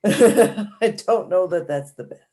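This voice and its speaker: A woman's voice: fairly low pitch, expressive, takes it slowly, dark tone. A woman playing a tabletop game, playful and giggly, firing off questions. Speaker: player. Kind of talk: casual tabletop play.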